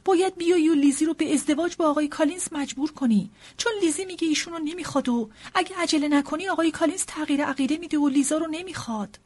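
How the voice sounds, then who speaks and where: A woman voicing a fussy, excitable middle-aged mother in an audiobook, pushing and pleading in a rush. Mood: agitated. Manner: shrill, pushy, breathless insistence. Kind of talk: audiobook character reading.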